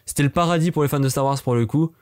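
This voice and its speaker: A young man from France telling a fan-meeting story in a casual, chatty way, with lots of fillers. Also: a little high. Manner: rapid chatty with many fillers. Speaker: vlogger.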